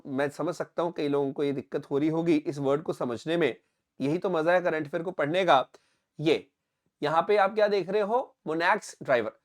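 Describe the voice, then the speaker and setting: A young Indian man teaching a current affairs lesson for exam candidates, explaining step by step, often checking that it is clear and slipping into English phrases. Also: a little high.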